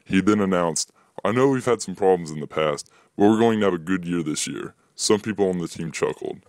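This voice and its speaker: Deep-voiced young man reading a story. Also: fairly quick, a little mellow, no echo. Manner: plain reading, voices dialogue with higher pitch. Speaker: student reading his own story. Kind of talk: reading a written story aloud.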